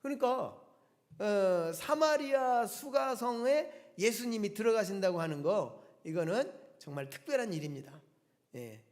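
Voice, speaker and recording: A man's voice: sits high, a little mellow. A male pastor preaching a Sunday sermon, talking directly to the congregation with rhetorical questions and emphatic repetition. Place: church sanctuary. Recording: long church reverb.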